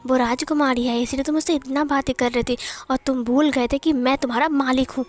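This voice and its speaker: A woman's voice: sits high, fairly even intonation, a little fast, lightly acted. A woman voicing a jealous, sulky young male master who talks in curt, snappish lines in a storybook retelling.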